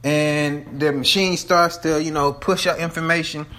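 Man, slightly high voice, casual profane ramble, a bit out of breath, climbing stairs in a townhome, handheld phone mic. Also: fairly even intonation, moderate pace, bright, forceful tone. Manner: loose, profane, chatty, restarts often. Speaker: vlogger reviewing a movie. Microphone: phone held in hand.

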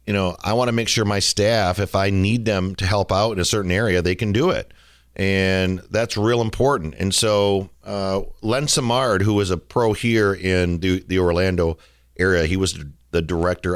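A middle-aged man hosting a podcast, telling stories in a relaxed, joking way with plenty of fillers. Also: low-pitched, no echo, clean studio sound. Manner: chatty, jokey storytelling with fillers. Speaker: podcast host. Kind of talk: casual podcast monologue.

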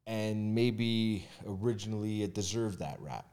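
A man's voice: fairly low pitch, measured pace, a little mellow, clear, resonant tone. A man speaking as a guest in a casual podcast conversation about his work in mortgages and real estate, candid and loose, with plenty of fillers and restarts. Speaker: mortgage agent and realtor guest.

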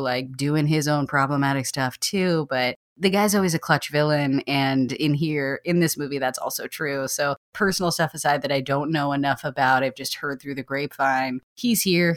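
A woman's voice: very deep voice, no room sound, studio quality. A woman hosting a film podcast, giving a casual, enthusiastic movie review full of chatty asides. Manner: enthusiastic, chatty, frequent "like" and "you know".

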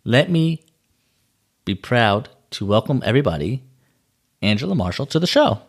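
An American man speaks as a podcast host, introducing and interviewing a guest. His voice sits at a middling pitch and moves up and down a great deal. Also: sing-song, moderate pace. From New Jersey, US. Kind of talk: upbeat podcast hosting and interview.

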